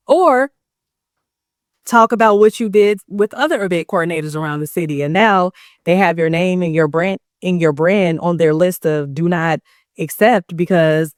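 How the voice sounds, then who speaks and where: A woman who runs a small business, telling a story in a frank, animated way and acting out what people said. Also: lowish voice, no room sound, studio quality. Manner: animated, acts out quotes, frank and sassy. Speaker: small business owner and vendor. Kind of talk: casual storytelling vlog.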